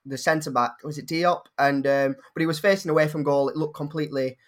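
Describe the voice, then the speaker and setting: Enthusiastic man, fairly high voice. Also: a little fast. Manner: enthusiastic, rambling with restarts. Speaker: podcast guest. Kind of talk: casual football podcast chat.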